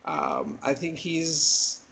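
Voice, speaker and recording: A man hosting an online meeting, listing films in a relaxed, hesitant way with lots of fillers. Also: fairly high pitch, very slow, gravelly, slight background noise, low-quality recording. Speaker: meeting host. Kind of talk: casual meeting announcements.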